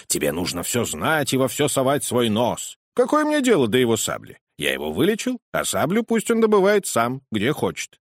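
A man voicing a gruff, teasing old male godfather in a storybook, speaking low and mock-grumbling. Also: huge pitch swings, normal speed, few pauses, no echo, studio quality.

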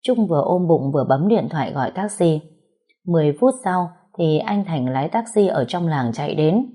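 A woman narrating an audiobook story in a steady, expressive reading voice. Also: low voice, husky.

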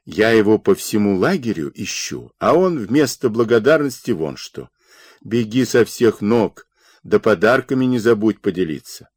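A man's voice: on the low side, animated, normal speed, a little mellow, dry recording, clean studio sound. A man voicing a cheerful, sly young soldier who jokes good-naturedly.

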